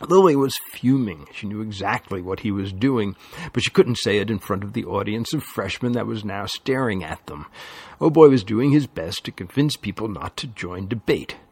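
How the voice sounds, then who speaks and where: A man narrating an audiobook with measured storytelling. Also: fairly low pitch, lively intonation, husky, no echo. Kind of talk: scripted narration.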